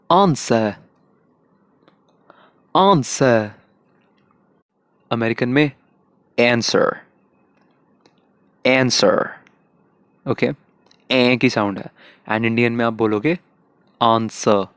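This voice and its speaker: A man teaching English pronunciation in a casual, explanatory lesson, repeating each word slowly to model it. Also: mid-range voice, no echo, studio quality. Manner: slow, repeats words, models sounds.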